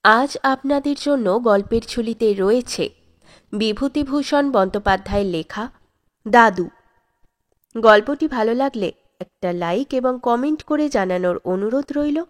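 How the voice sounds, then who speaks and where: A woman narrating a classic short story as an audiobook host, in a measured, expressive reading. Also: a little high.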